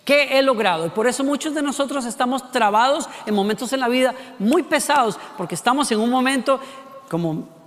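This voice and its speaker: A man with a Costa Rican accent preaching a sermon, asking rhetorical questions and varying his pace and loudness for emphasis. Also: very high voice, animated, fairly quick, long reverb tail. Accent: Costa Rican Spanish. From Costa Rica.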